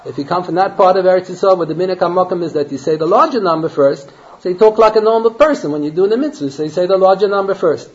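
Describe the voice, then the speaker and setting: Rabbi's lecture on a dull lo-fi recording. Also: male voice, high voice, quick pace. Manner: conversational, asks rhetorical questions, peppers English with Hebrew and Yiddish terms. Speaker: rabbi teaching a Talmud class. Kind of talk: Torah lecture.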